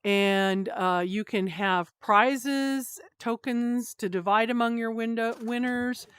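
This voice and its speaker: A woman's voice: fairly high pitch, slow, a bit bright, clean tone, no echo, studio quality. A woman co-hosting a casual gaming podcast, talking in a chatty, rambling way with lots of fillers. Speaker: co-host.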